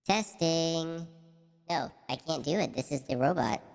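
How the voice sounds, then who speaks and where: A man's voice: a little high, unhurried, vocal fry, big-room sound. A streamer, a man, testing his mic while his voice comes out through a metallic robot filter, puzzled and repeating test words. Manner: repetitive, puzzled checking of sound.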